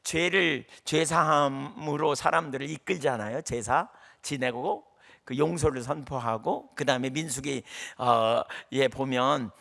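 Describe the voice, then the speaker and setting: A man's voice: mid-range voice, fairly even intonation, a little slow, creaky, pushed and bright. A middle-aged male pastor preaching a sermon, telling stories animatedly and acting out the voices of the people he counsels.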